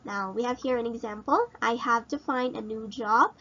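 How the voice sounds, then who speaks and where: A woman teacher slowly explaining grammar in a recorded lesson, asking her students questions and repeating points. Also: fairly high pitch, bright, forceful tone, muffled recording. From Philippines.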